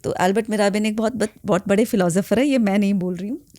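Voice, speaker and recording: A woman's voice: medium pitch, quick pace, mellow. A woman talking on a podcast and explaining her ideas with demonstrations. She moves between Hindi and English as she goes. The room sounds dry, with no echo. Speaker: guest image consultant. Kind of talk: podcast conversation.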